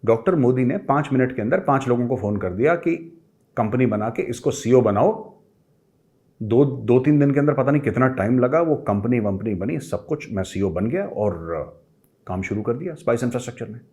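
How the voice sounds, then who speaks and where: A middle-aged man hosting a show, telling a personal story in a lively way and sliding in English phrases. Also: mid-range voice, moderate pace. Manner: lively, acts out quoted people with raised voice, mixes English phrases. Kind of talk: animated storytelling.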